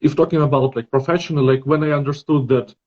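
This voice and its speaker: A man's voice: fairly high pitch, fairly even intonation, quick pace, a little mellow. Belarusian guy on a podcast, kinda hesitant, hunting for words, muffled lo-fi audio. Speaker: guest artist. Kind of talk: casual podcast chat.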